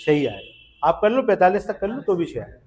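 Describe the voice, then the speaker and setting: A man's voice: high voice, very animated, fairly quick, darkish tone. A man teaching math to a classroom of students, coaxing them along and quizzing them step by step to check they follow. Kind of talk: live classroom lesson.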